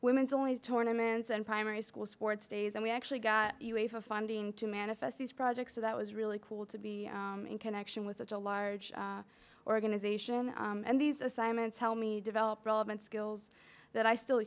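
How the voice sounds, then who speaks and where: A US woman in her early twenties delivers a prepared student speech from a podium in a lecture hall, tossing in casual asides. Her medium-pitched voice is flat, smooth and moderately paced.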